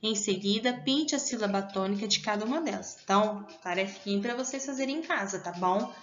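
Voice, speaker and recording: A woman's voice: mid-range voice, brisk, dull audio. A Brazilian woman teaching a primary school class online, patient and encouraging, asking the children questions as she goes. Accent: Brazilian Portuguese.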